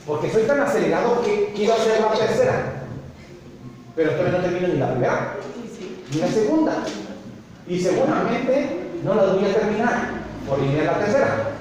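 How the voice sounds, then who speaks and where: A man, a pastor preaching a sermon to his congregation, telling animated stories and asking them questions. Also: high-pitched, normal speed, pauses often. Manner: animated storytelling, asks the congregation often. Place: church hall. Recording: echoey hall, distant mic, faint noise.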